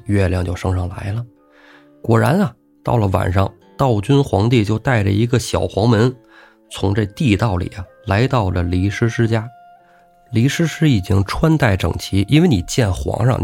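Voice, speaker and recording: Gravelly joking male storyteller. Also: fairly low pitch, darkish tone. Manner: chatty, joking asides. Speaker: storyteller host. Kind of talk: humorous storytelling.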